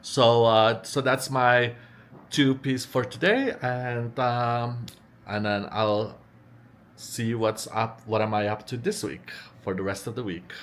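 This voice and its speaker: A young male vlogger talks casually at home while working on a build project, rambling with plenty of fillers and restarts. He comes from the Bosnia and Slovenia region and has lived in North America since thirteen. His voice is medium-pitched and steady, his pace slow, with a faint hiss or hum in the recording.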